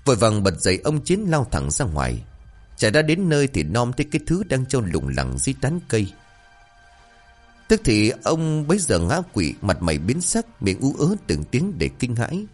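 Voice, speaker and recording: A man narrating a horror story in a dramatic, animated storytelling manner. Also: medium pitch, normal speed. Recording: faint background music.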